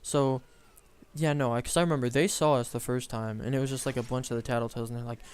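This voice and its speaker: A man's voice: medium pitch, fairly even intonation, fast talker, darkish tone, smooth. Rambling young man telling a story. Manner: rambling, many "like" fillers and self-corrections. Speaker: storytelling show co-host. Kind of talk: casual storytelling chat.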